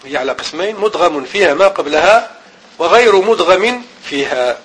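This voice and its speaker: A man teaching an Arabic grammar and Quran reading lesson, repeating each rule slowly and chanting the verses he quotes. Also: high voice, expressive, fairly bright tone, husky, rough recording.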